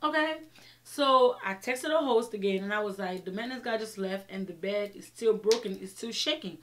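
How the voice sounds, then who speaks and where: Young woman on an animated storytime rant. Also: mid-range voice, a little fast, a little hiss or hum. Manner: exasperated, emphatic, retelling dialogue in quoted exchanges. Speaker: vlogger telling her own story. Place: small indoor room with shelves, seated before the camera.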